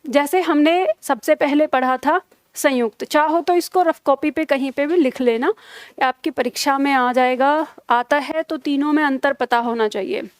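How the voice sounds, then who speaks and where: High-voiced woman teaching grammar. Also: no echo, studio quality. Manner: patient, repeats key terms slowly, checks "theek hai?". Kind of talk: live online grammar class.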